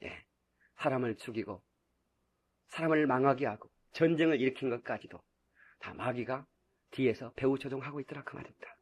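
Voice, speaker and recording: A male pastor preaching a sermon with fervor. He swings between quiet asides and loud, shouted peaks, and he chuckles often as he makes his points. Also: mid-range voice, brisk, pauses often.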